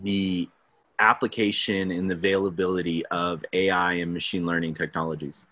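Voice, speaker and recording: A man's voice: low-pitched, little pitch movement, normal speed, pushed and bright, no echo. A man hosting a podcast interview, chatty and self-deprecating, laughing often. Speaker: podcast host. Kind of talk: casual interview.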